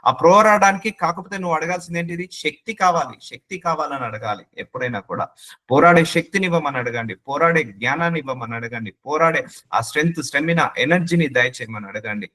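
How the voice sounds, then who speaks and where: Bright-voiced preaching man. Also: a little high, animated, brisk. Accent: Telugu. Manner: emphatic preaching with repeated phrases and English words mixed in. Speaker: pastor. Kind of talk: sermon.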